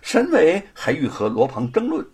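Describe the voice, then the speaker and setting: A man's voice: fairly high pitch, moderate pace. A man narrating a traditional story in a dramatic storytelling style. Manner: animated, husky.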